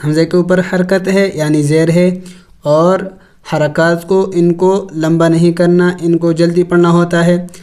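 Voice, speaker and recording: A man teaching Quran recitation, spelling out letters and vowels slowly, chanting the words drawn out, then explaining the rules in quick asides. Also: high-pitched, darkish tone. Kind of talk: slow spelled-out tajweed lesson.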